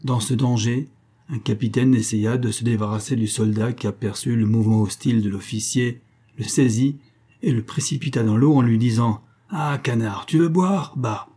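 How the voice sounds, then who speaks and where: A man reading a classic novel aloud as an audiobook narrator, in a measured and even literary style. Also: medium pitch, slightly rough.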